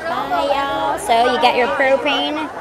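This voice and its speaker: A woman's voice: sits high, steady tone, slow pace. A woman chatting casually and playfully on a live stream, in the manner of a vlogger out and about. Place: outdoors at a busy theme park. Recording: loud crowd noise outdoors.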